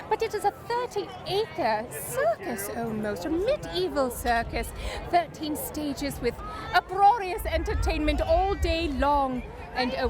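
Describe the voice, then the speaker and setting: A woman playing a gracious, merry Renaissance queen at a festival, regal and playful in manner. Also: high-pitched. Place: outdoor festival grounds. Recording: crowd and music behind.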